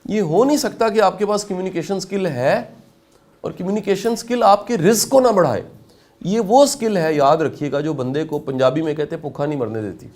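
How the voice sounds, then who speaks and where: A middle-aged man from Pakistan, giving an animated motivational lecture and asking his audience questions. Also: high-pitched.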